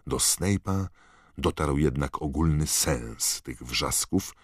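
A male audiobook narrator with an extremely deep, low voice. He reads the story in a measured, even storytelling manner, recorded close and dry with no room sound. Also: dry recording. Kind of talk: scripted narration.

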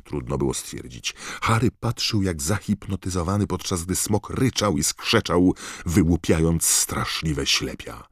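A man's voice: low voice, lively intonation, a little slow, breathy edge, dry recording, clean studio sound. A man reading an audiobook aloud, with dramatic, varied delivery. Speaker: audiobook narrator. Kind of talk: scripted narration.

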